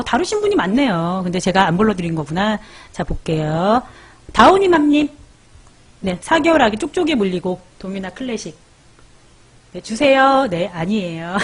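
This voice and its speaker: A woman's voice: mid-range voice, slightly rough. A woman hosting a live parenting stream, chatting casually as she reads viewer comments, calls out their names and gives baby sleep tips.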